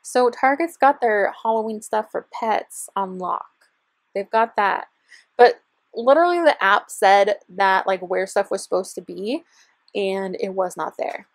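A woman's voice: medium pitch, measured pace, dry recording. A young woman chatting in a bubbly, gushing way as a vlogger, talking over her shopping footage. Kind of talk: shopping vlog voiceover. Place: parked car.

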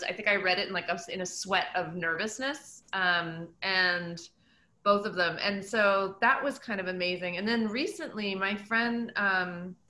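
A middle-aged author from New Mexico with an American accent chats casually as a guest at a book talk over a video call. Her low-leaning voice is bright and forceful. The computer mic picks up an echoey indoor room.

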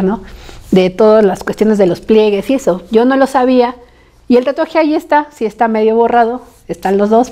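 A woman's voice: fairly high pitch, mellow. A Mexican woman, a tattoo artist, telling her story in a casual interview, chatty and acting out dialogue with slang. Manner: chatty, acts out quoted dialogue with laughs and slang.

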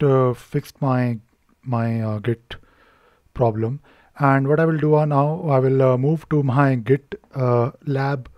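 A male tutorial presenter with a mid-range voice talks through a screen recording without a script, recorded with dull audio and no room sound. He hesitates, fills pauses with filler sounds and restarts his sentences while working.

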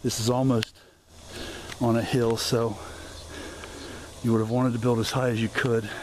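Amateur host, man, mid pitch, unscripted walk-and-talk outdoors on a camera mic, steady insect noise. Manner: halting, many fillers and self-corrections. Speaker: video host touring a historic site. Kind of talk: unscripted walking tour narration. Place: outdoors at a historic house, open grounds.

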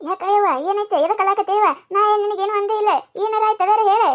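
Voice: extremely high pitch, flat delivery, quick pace. A performer voicing a meddling village neighbor woman in a cartoon, with a North Karnataka Kannada accent. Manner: meddling, questioning. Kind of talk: cartoon comedy voice acting.

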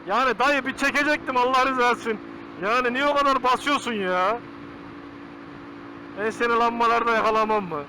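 A man's voice: extremely high pitch, bright, forceful tone. A man from Turkey giving casual, slangy motovlog commentary from inside a helmet as he rides a motorcycle. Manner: colloquial, slangy, chatty. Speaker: motorcycle vlogger. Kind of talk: casual riding commentary to viewers. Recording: noisy helmet mic while riding outdoors.

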